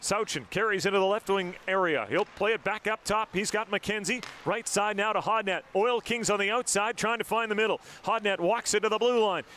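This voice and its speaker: A man's voice: high-pitched, a little fast, few pauses, sharp tone. A man doing live hockey play-by-play on a broadcast mic, rattling off each pass and shot in short, clipped calls. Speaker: play-by-play announcer.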